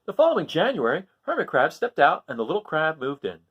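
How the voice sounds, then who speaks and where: A man's voice: on the high side, wildly swooping pitch, quick pace, husky, highs cut off. A man reading a children's book aloud expressively, with informal asides spoken directly to young listeners. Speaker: storybook reader.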